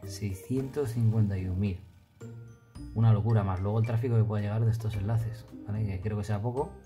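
A man with a Spain Spanish accent, chatting casually as a vlogger explaining his work, with frequent tag questions and casual swearing. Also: fairly low pitch. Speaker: vlogger, SEO entrepreneur. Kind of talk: casual explanatory vlog narration.

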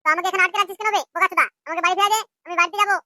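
Squeaky shrill cartoon thug, rattles off curses fast, dry close sound. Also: fairly even intonation, dry recording, full character voice. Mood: scolding. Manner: abusive, shouting, quick insults. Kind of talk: cartoon voice acting.

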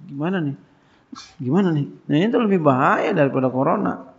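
Male preacher, gravelly, colloquial question-and-answer lecture, muffled low-fi audio. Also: expressive, a little fast. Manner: colloquial, call-and-response questions. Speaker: pesantren teacher. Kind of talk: casual religious lecture. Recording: dull lo-fi lecture recording.

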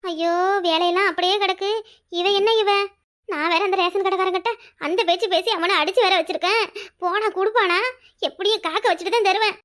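Woman doing a scolding village wife, grumbly, shrill, rushed, tirunelveli tamil accent. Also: fairly even intonation, fairly bright tone. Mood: grumbling. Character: shrill village wife, fretful and sharp-tongued. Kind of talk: cartoon voice acting.

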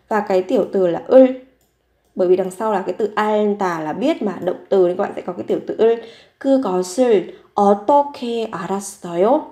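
A woman's voice: mid-range voice, mellow. A woman teaching vocabulary, patiently repeating words and asking herself questions as she explains example sentences. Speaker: Korean language teacher. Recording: roomy echo.

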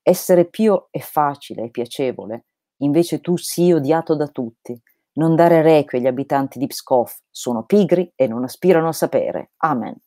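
A woman's voice: sits low, animated, normal speed, mellow, no echo, studio quality. A woman reading aloud the lines of an eccentric, vehement male holy fool, in an emphatic read-aloud delivery. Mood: preaching.

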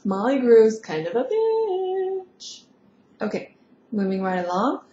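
A woman's voice: fairly high pitch, very animated, slow, dark tone, reverberant, highs cut off, slight background noise. A woman casually retelling movie scenes with offhand, sarcastic asides. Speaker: vlogger.

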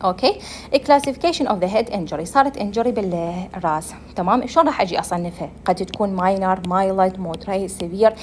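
A woman's voice: mid-range voice, a little fast, darkish tone, slight background noise. A young woman with an Iraqi Arabic accent giving a medical lecture, explaining step by step and answering her own questions.

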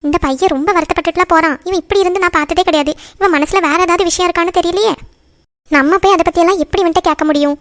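A woman voices a comforting cartoon grandmother whose voice sits very high and rushes quickly. She steadies the family with reassurance, not scolding. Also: fairly bright tone. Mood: reassuring.

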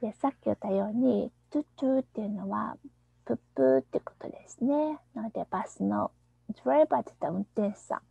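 A woman teaching a children's English song, explaining softly, often in a near-whisper, and reading the lyrics slowly and deliberately. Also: medium pitch, expressive, creaky, slightly rough, no room sound, highs cut off. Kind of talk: screen-shared lesson on a children's song.

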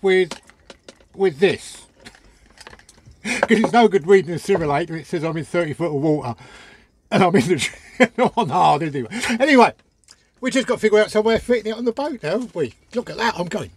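A man's voice: high-pitched, dry recording. An older man talking casually to camera about his boat gear, chatty and rambling, stumbling and repeating words as he goes, filmed on a phone in a small boat cabin. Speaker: sailing vlogger. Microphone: phone camera at arm's length.

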